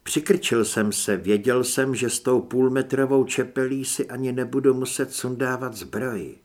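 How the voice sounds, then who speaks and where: A man's voice: medium pitch, a little mellow. A man narrating an audiobook in a dramatic first-person reading. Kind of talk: scripted narration.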